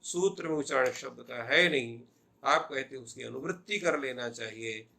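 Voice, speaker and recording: A man's voice: medium pitch, moderate pace, vocal fry, bright, forceful tone. Older man giving a Sanskrit grammar lecture. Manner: explanatory, asks and answers his own questions.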